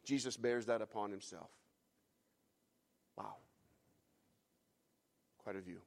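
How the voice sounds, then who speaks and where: A man preaching a sermon, moving from quiet reflection to fervent, emphatic climaxes, repeating key phrases. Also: lowish voice, takes it slowly, gravelly, slight background noise. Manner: builds from hushed reflection to fervent, loud climaxes; repeats phrases for emphasis, some restarts and fillers. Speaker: pastor.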